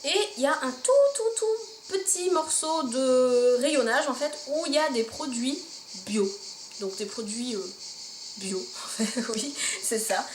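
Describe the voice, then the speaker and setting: A woman's voice: high voice, lively intonation, slow pace. A woman chatting casually in a haul vlog, gushing over her purchases, filled with fillers, recorded at home with windows open. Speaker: vlogger showing her shopping haul. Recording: roomy home room, faint insect noise. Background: insects outside.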